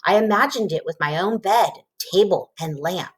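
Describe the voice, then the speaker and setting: This is a woman narrating a children's storybook with lots of expression. Her voice sits at a medium pitch and she keeps a moderate pace.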